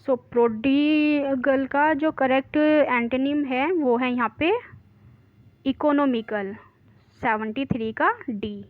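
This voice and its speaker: Woman, teacher, very slow delivery, fairly high voice, dry muffled sound. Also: no echo. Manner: reads questions slowly, explains quickly, mixing Hindi and English. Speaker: English teacher. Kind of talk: exam practice lesson.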